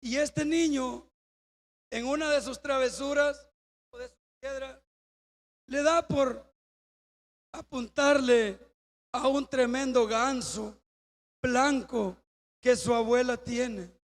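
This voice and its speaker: High voiced preacher guy, slow, tells a story and shouts parts of it, big church hall echo. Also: steady tone. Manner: storytelling, acting out quoted dialogue, bursts of shouting. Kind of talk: sermon illustration story.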